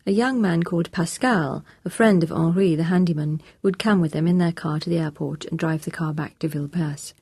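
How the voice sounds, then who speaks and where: A woman narrating an audiobook in a measured, steady reading. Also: on the low side, husky, no echo, studio quality.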